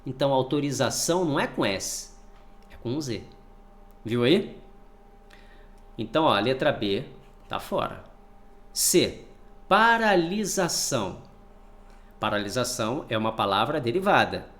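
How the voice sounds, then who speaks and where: A man's voice: mid-range voice, normal speed, pauses often. A man teaching a spelling lesson for exam prep, asking questions and then answering them himself. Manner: lively, asks and answers his own questions.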